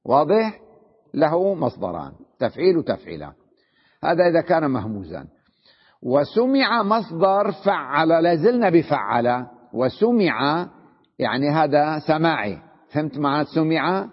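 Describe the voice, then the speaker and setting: A man's voice: fairly high pitch, sing-song, normal speed, husky. A man teaching a grammar lesson as a sheikh, reading a text aloud and then explaining it, often checking that his students follow. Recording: dull lo-fi recording in a reverberant hall.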